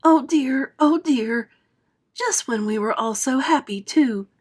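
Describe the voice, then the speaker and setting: A woman voicing a fretful, soft-hearted ladybird who wails anxiously in a raised voice. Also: sits high, takes it slowly, voice pushed up. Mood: distraught. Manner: wailing, anxious.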